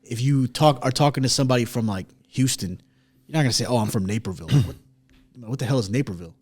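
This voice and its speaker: A man raised in Chicago chats on a podcast at a rapid clip. His delivery is emphatic and loose, with casual swearing. His voice sits at a middle pitch. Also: a little mellow, husky. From Chicago area. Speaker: podcast co-host. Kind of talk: casual chat.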